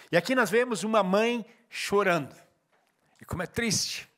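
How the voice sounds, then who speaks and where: A man's voice: high voice, a bit bright. A man with a Brazilian Portuguese accent preaching a sermon as pastor, telling stories and repeating emphatic phrases.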